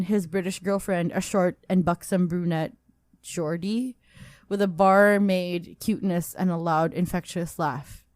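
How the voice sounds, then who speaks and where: Woman, podcast host, reading a story aloud, casual, giggly, trips over words, lowish voice. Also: darkish tone, no echo, studio quality. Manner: giggly, breaks into laughter while reading.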